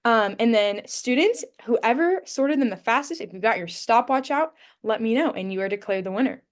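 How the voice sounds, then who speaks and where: A woman's voice: a little high, expressive, normal speed. A young woman giving a class presentation, demonstrating a vocabulary activity and counting syllables aloud. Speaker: student presenter. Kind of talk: class presentation, mock teaching.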